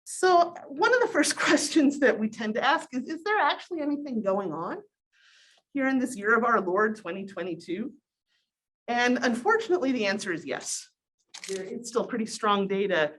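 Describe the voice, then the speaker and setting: A middle-aged woman giving an informal academic presentation through a cloth face mask, conversational with wry asides, in a small conference room. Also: mid-range voice. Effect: speaking through a cloth face mask. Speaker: presenter, sociology professor.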